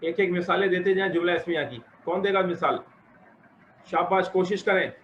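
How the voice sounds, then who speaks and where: A male teacher leads an Arabic grammar class, asking questions and encouraging his students as he explains. His voice sits fairly high. The recording is dull and lo-fi, with faint background hiss. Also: normal speed, a bit bright.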